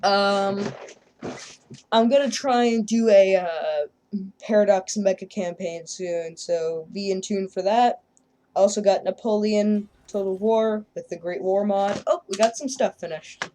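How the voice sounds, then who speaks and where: A woman casually commenting on her own strategy gameplay, joking and sarcastic, often trailing off quietly at line ends. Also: mid-range voice, measured pace, a little hiss or hum. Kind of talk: casual let's-play commentary.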